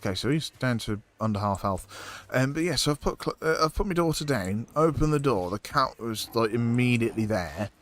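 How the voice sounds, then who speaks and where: A man's voice: medium pitch, lively intonation, a little fast, few pauses, a bit bright. A man streaming a game, chatting casually in a rambling way, swearing often and filling gaps with ums and likes. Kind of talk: casual chat while playing a game.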